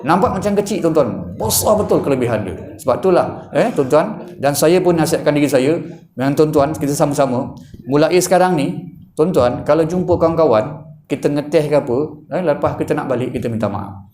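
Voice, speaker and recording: Animated Malaysian Malay preacher, echoey hall. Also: male voice, a little high, a little fast, a little hiss or hum. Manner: animated, addresses the congregation again and again, acts out gossip in little voices. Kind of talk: mosque lecture. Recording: echoey room.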